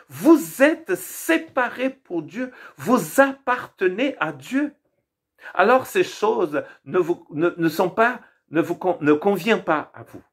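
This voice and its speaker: A pastor whose first language is Portuguese delivers a daily Bible devotional in an earnest, preacherly way, slowing down to stress key words. His voice is a little high and slightly rough.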